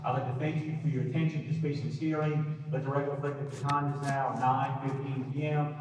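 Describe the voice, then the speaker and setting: A man's voice: medium pitch, flat delivery, fast talker, a little mellow. Male hearing officer reading formal notices, distant hearing-room recording, heavy room echo. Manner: reads boilerplate, stumbles over words. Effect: public hearing room recording. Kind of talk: formal procedural announcements. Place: large public hearing room. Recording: echoey hall recording from far off, background noise.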